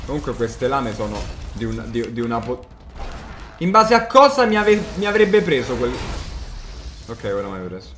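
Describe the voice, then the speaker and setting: A man giving casual, excitable gameplay commentary, swearing and talking to his viewers. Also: medium pitch, normal speed, noisy background. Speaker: video game player commentating. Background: game music.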